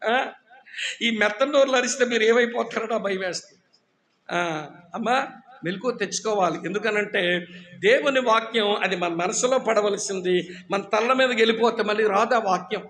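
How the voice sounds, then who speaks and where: A man preaching a sermon, firing questions at the congregation for call-and-response and teasing listeners who doze off. He says he preaches loudly. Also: sits high, moderate pace. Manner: teasing, humorous about dozing listeners. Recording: echoey hall.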